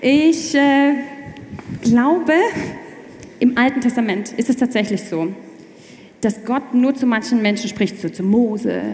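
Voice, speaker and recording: Young woman, casual personal testimony, lively restarts, long reverb. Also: on the high side. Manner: animated, talks in quick restarts. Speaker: guest sharing her faith story. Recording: echoey room with long reverb.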